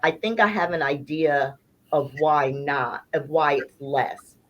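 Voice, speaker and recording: A woman's voice: low-pitched, dull audio. A woman hosting a casual interview chat in a playful, slangy way. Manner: playful, slangy, drawn-out emphasis. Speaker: podcast host.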